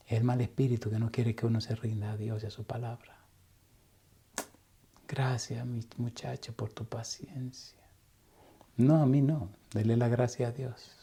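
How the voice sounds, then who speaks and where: Male pastor, Sabbath school teaching, mellow dark voice, acts out dialogue, hushed whispers at times. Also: medium pitch, slightly rough. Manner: storytelling, acting out dialogue, dropping to hushed whispers.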